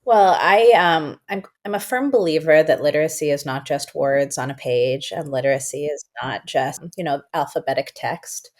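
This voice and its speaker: A guest educator and author, a woman whose native language is Farsi, talks through her ideas in a conversational interview. She is thoughtful and emphatic, slowing down to stress key words, and her voice sits low.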